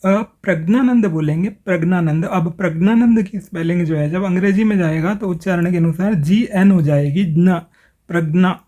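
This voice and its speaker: A man calmly explains pronunciation in a tutorial, slowing down to spell out sounds. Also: high-pitched. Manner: careful, slows to spell out sounds. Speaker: language explainer. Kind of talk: explanatory tutorial, reading from screen.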